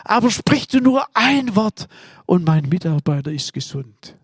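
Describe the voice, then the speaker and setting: A man's voice: high-pitched, sing-song, unhurried, breathy edge, dry recording, studio quality, voice pushed up, heavily acted. A man quoting a humble Roman centurion who pleads earnestly. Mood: humble pleading.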